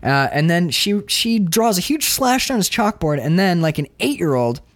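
A man co-hosting a casual film discussion podcast, talking in an animated way, swearing casually and acting out characters' lines in shifting voices. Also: sits high, moderate pace. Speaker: podcast co-host.

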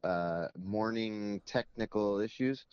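A man joining a live podcast as a guest over a phone line, chatting in a rambling, halting, joking way. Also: on the low side, a little mellow, smooth, dry recording. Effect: heard over a phone line. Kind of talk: casual live podcast chat.

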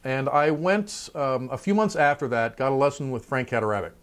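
A man's voice: medium pitch, a little fast. Chatty middle-aged male trumpet professor. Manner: thoughtful, chatty, full of fillers and asides. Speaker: trumpet player and college professor. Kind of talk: relaxed interview talk.

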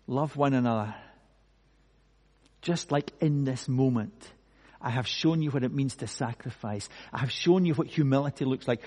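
A male pastor preaching a sermon slowly and emphatically, with dramatic pauses. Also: medium pitch, warm tone, breathy edge. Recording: long hall reverb.

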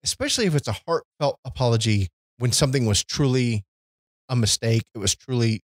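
A man's voice: mid-range voice, expressive, fairly quick, no echo. A man co-hosting a podcast, talking earnestly and reflectively about fatherhood and forgiveness, reading scripture aloud. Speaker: podcast co-host. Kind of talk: casual faith-based discussion.

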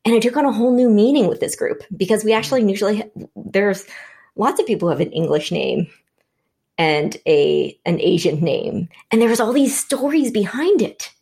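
A Vietnamese-born woman with a medium-pitched, mellow, husky voice and some vocal fry speaks as a guest in a conversational panel discussion. She sounds animated and talks at a normal pace, thinking aloud and restarting her sentences.

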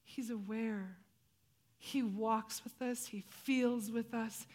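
Woman pastor, sermon delivery, slightly high voice, expressive swings from loud to hushed. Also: slow pace. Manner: expressive, dramatic rises and hushed drops.

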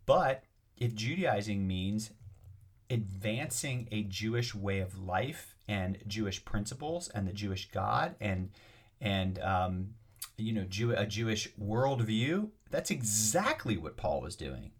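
A man's voice: on the low side, expressive, slow pace, breathy edge. A man teaching as a rabbi, reading scripture passages aloud and explaining them with emphatic, repeated points and occasional restarts. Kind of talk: lecture on scripture.

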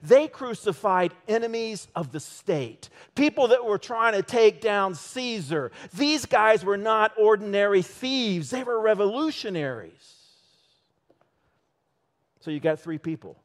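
Animated slow-preaching man. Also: high-pitched. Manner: animated, rhetorical questions, acts out short voices. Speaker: church elder preaching. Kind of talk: sermon. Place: church.

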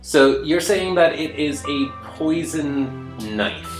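A man's voice: on the high side, takes it slowly, roomy sound, over music. A man playing a tabletop game, joking and boasting in character as a thief, laughing often. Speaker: player.

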